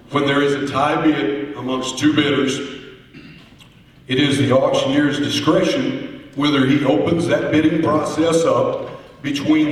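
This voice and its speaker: A man gives formal contest answers in a courteous, earnest, deliberate way, like an orator. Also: on the high side. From Oklahoma, US. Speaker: auctioneer, contest finalist. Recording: echoey hall, heard from far off.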